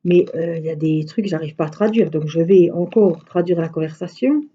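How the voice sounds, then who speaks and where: A woman's voice: lowish voice, moderate pace, dark tone, breathy edge, dull audio. A middle-aged woman chatting casually on a live stream, rambling through everyday anecdotes. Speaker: craft live-stream host.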